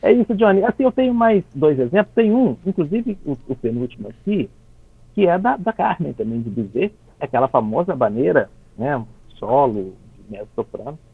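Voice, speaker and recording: A man with a Brazilian Portuguese accent, a conductor chatting on the radio, restarting phrases and tagging them with quick questions as he explains. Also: on the high side, very animated, vocal fry, husky, dry recording. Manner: chatty, many restarts and tag questions, laughs while explaining. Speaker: conductor explaining classical music in cartoons. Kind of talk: casual radio chat. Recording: dry tinny phone line.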